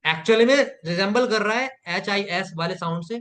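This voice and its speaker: A man's voice: sits high, moderate pace, fairly bright tone. A man teaching a live online spoken English class, patiently repeating phrases for learners to echo and praising students by name.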